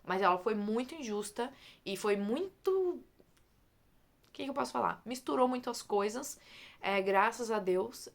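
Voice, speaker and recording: Young woman from brazil telling her story, talks fast, bit of fry in the voice, keeps saying gente. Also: mid-range voice. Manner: lively, repeats words for emphasis, addresses listeners as "gente". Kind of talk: casual personal storytelling.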